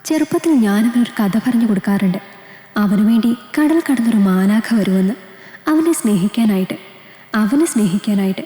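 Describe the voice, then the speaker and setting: Woman narrator doing a gentle, weepy grandmother over 60, echoey room. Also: medium pitch, lively intonation, normal speed, natural voice. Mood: tender. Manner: soft, tearful, reassuring. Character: tearful loving old grandmother.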